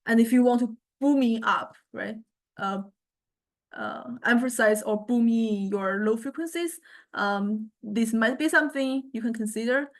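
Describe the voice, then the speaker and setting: A music technology lecturer gives an informal lecture with a software demonstration, speaking haltingly, restarting words, and often checking in with questions. Her pitch is fairly high.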